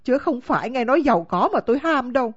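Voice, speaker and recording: A woman's voice: high voice, expressive, moderate pace. A woman voicing a poor but proud young female servant in an audiobook, speaking firmly and indignantly, in a dull, lo-fi recording. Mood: firm, quiet. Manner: firm, indignant. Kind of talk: audiobook character acting.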